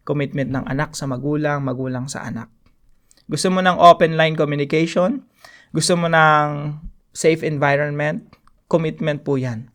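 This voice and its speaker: A middle-aged Filipino-accented pastor delivers a devotional Bible teaching in a fairly high voice. He talks emphatically, leaning on repeated key phrases and mixing English with Filipino. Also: fairly bright tone. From Philippines.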